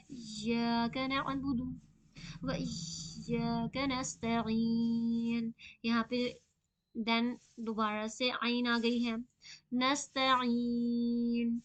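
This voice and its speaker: A woman teaching Quran recitation rules in a live online class, patiently repeating and slowly drawing out example words. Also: fairly high pitch.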